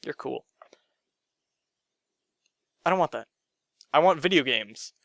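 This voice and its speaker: A young man ranting to camera in his room, sarcastic and profane, jumping from loud outbursts to muttered asides. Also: fairly high pitch, expressive, slow, vocal fry, dry recording, clean studio sound. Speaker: gaming vlogger.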